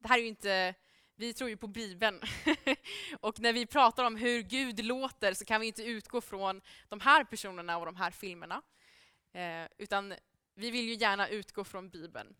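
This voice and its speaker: Bright, crisp-voiced woman preaching. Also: medium pitch, no echo, studio quality. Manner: casual and chatty, with many fillers and frequent laughs. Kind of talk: informal sermon to a congregation.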